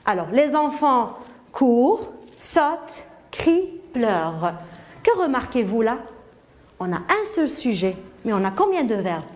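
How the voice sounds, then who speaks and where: A woman with a Moroccan accent leads a grammar class for young pupils. Her voice sits high and swings widely in pitch. She speaks slowly, asks question after question and praises correct answers. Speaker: primary school teacher. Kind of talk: grammar lesson.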